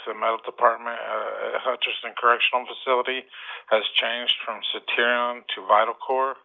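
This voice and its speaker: A man calling in over a speakerphone line, reading a prepared formal statement as a claimant, with deliberate pacing and frequent "uh" pauses. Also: on the low side, creaky, phone-quality sound. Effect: heard over a speakerphone line.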